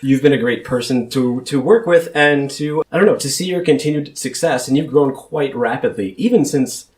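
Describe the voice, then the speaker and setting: A man's voice: medium pitch, moderate pace. A man in his thirties hosting a podcast interview, friendly and rambling, with frequent restarts. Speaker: podcast host. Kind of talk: casual interview.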